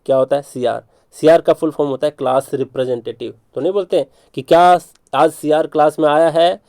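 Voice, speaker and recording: A man runs an exam-prep spelling lesson, voice sitting a bit high with a soft, dark tone. He drills each memory trick by chanting the letters slowly, over and over. The sound is dry and close. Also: fairly even intonation, gravelly, no echo. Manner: repeats mnemonics in slow sing-song drills. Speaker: English spelling teacher.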